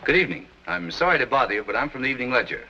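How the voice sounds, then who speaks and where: Hurried 1940s film newspaperman played by a man, courteous, animated, dull noisy vintage sound. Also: mid-range voice, close to an everyday voice. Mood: polite, brisk.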